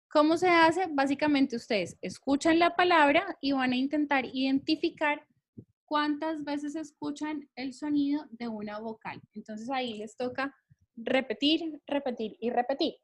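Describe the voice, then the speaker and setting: High-voiced woman teaching English. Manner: patient, checks in with "¿listo?". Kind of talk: online class explaining syllable counting.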